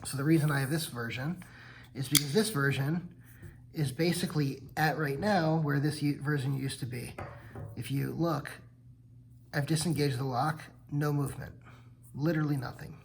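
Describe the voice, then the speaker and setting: With a noisy background behind him, a knife channel host speaks at normal speed in a steady, somewhat high voice with vocal fry. Tired and yawning late at night, he rambles through a casual hands-on demo, often correcting himself.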